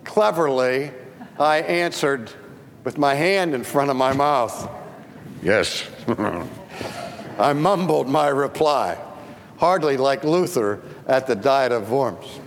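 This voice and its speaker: Male preacher, slow and emphatic, storytelling sermon, long hall echo. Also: medium pitch. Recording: reverberant hall with faint ambience.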